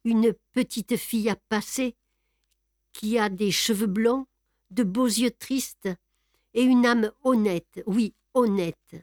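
A woman reading aloud and voicing a proud, boastful male gentleman thief in a storybook. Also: a little high, animated, slow, no room sound, clean studio sound. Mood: hushed tender. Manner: grandiose, boastful, then hushed and tender. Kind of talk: audiobook reading.

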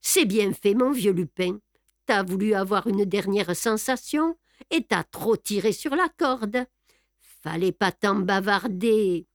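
A woman reading aloud and voicing an old, furious male police inspector who shouts his orders. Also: mid-range voice, animated, slow, no echo, clean studio sound. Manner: shouting, gruff, raging. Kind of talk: audiobook reading.

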